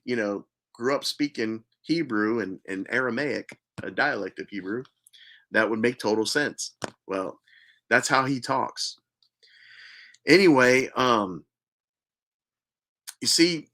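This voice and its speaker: Hosting a personal testimony monologue, a man earnestly recounts his spiritual story, repeating himself for emphasis and at times sinking into a hush. His voice sits in the mid range.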